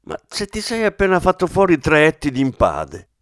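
A man's voice: on the high side, wildly swooping pitch, moderate pace, clear, resonant tone, dry recording, voice pushed up. A man reading an audiobook, playing a middle-aged police commissioner who talks in a dry, ironic way. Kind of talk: audiobook character voice.

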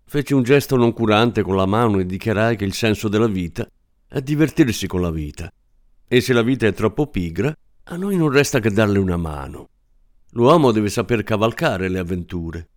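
A man reading a literary story aloud in the first person, expressive and acting out his own lines. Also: fairly low pitch, dry recording, studio quality. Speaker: audiobook narrator.

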